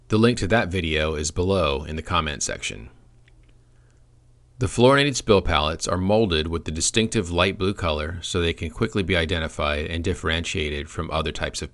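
A man giving a scripted product training presentation, with a dry, deadpan sense of humor. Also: low-pitched.

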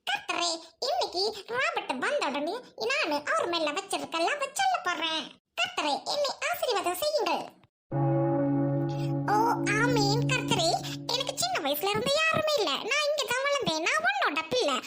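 A woman's voice: very high-pitched, sing-song, normal speed, over loud music. A woman voicing a young village woman who is shyly in love, speaking in an emotional, pleading way in an amateur skit. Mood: prayerful.

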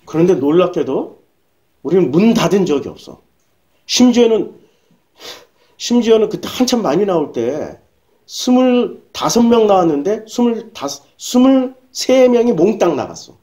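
A woman pastor delivers her sermon bluntly and emphatically, peppering it with rhetorical questions and coarse slang. Her voice is mellow and dark in tone, yet her pitch swings widely from phrase to phrase. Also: big pitch swings, moderate pace. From South Korea.

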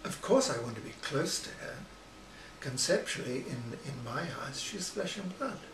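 A man's voice: mid-range voice, big pitch swings, normal speed, echoey room, far from the mic, background noise. An actor playing a lonely middle-aged widowed father, dry, clipped and exasperated. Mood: guarded. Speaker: father committed to a psychiatric clinic. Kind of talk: short film drama acting.

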